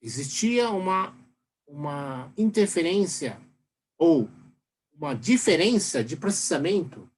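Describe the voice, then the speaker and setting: A man's voice: fairly high pitch, very animated, slow pace, husky. A Brazilian man teaching a university lecture in a rambling way, full of fillers and tag questions. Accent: Brazilian Portuguese. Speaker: university professor. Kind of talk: recorded lecture.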